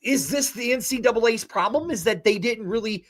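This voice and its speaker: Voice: mid-range voice, brisk. A co-host in their forties, asking eager, chatty questions in a casual talk. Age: 40s. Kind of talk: casual chat.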